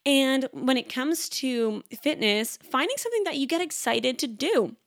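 A young woman in her twenties hosting a casual solo podcast, talking fast and chatty with lots of "like" fillers. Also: high-pitched, animated, no echo, studio quality. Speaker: podcast host.

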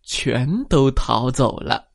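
A woman reads a bedtime story to children in a gentle, sing-song way. Her voice sits low but swoops lively up and down, and she takes it slowly. The recording is dry and close. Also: creaky, no echo.

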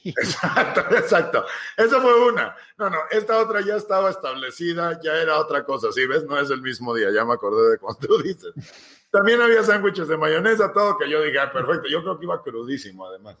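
A young man tells a story in a relaxed chat, slangy and animated, and drops English phrases in. His voice is bright and a little high. The room adds a roomy echo. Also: a little fast. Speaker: podcast co-host.

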